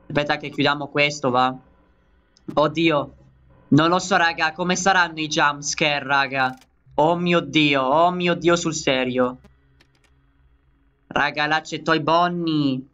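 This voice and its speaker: High, bright-voiced excitable man. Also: takes it slowly, long pauses, smooth, dull audio. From Italy. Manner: excitable, keeps calling out to viewers. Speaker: gaming channel host. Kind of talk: let's play commentary.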